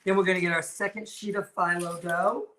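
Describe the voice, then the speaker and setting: Brisk and fairly even in intonation, this high-voiced man hosts a casual live cooking show, leaning into playful, campy drag queen banter and cheeky innuendo. He's in an indoor kitchen with a stone counter, recorded on a distant mic with roomy echo and faint noise.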